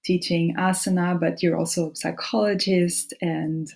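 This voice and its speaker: A woman hosting a podcast and interviewing a guest, friendly and quick to agree. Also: lowish voice, flat delivery, vocal fry, a little mellow, husky. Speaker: podcast host.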